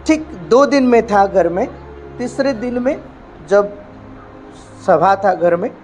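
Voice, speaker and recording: Preaching slowly in a high-pitched, animated voice, an Indian male pastor delivers an emphatic sermon full of hallelujahs, moving between loud and soft delivery. Faint music plays in the background.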